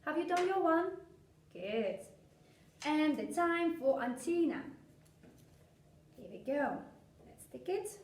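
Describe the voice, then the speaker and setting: A woman with presents a craft for small children like a bright children's entertainer. Her pitch swings widely in a sing-song, encouraging way. She is picked up from a distance in a room with some background noise. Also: lively intonation, slow pace, pauses often, roomy sound. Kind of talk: step-by-step craft demonstration for young children. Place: indoor craft room, seated at a table.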